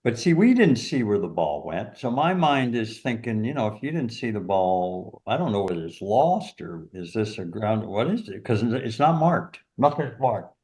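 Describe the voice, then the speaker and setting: An older man, a golf teacher and former caddie, telling animated stories in an interview and chuckling along. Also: fairly low pitch, normal speed, few pauses. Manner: animated, laughs through stories, many "you know"s. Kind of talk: anecdotal storytelling in an interview.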